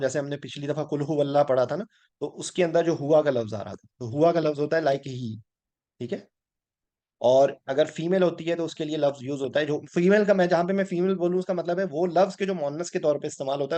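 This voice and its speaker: Man, Quran teacher, weekly class lesson, patient explaining, mixes in English words, slightly high voice. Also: a little mellow. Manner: explains patiently, checking with "ठीक है?".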